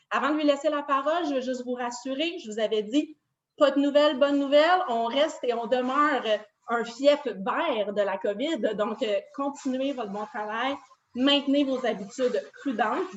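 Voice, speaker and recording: An upbeat woman gives a reassuring announcement to the residents of a home. Her voice is high. The recording sounds dull and lo-fi.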